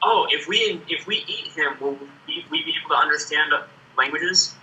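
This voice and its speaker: A man's voice: a little high, moderate pace, sharp tone, far from the mic, slight background noise, rough recording. A young man playing a tabletop game, blunt and joking in casual chat. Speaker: player.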